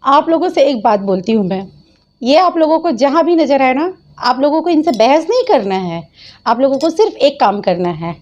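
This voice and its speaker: A woman's voice: high-pitched, big pitch swings, normal speed, darkish tone, muffled recording. A woman hosting her own channel, scolding and mocking people in reaction commentary and laughing often. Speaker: channel host.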